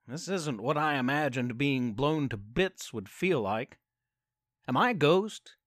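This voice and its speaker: A man's voice: mid-range voice, lively intonation, unhurried, fairly bright tone, dry recording, studio quality. A man voicing a hapless, wisecracking male space pilot in a told story, flippant and joking. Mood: bewildered.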